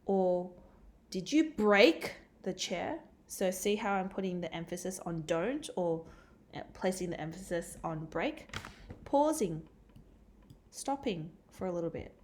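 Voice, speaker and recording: A woman's voice: lowish voice, measured pace, long pauses, dark tone. A woman teacher giving a recorded catch-up lesson, explaining step by step with frequent ums and uhs. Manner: explains step by step with many fillers.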